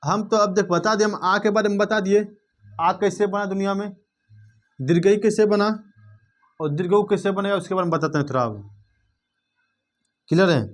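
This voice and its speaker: A young man teaches a blackboard grammar lesson. His voice sits fairly high, and he talks to the students informally, pausing often to check that they have understood. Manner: informal, addresses students directly with quick check-ins.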